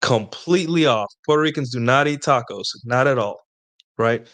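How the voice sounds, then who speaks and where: A man's voice: mid-range voice, normal speed, a bit bright. Chatty man giving dating advice. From Latin America. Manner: rambling, conversational, frequent "right?" tag questions. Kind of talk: casual dating advice talk.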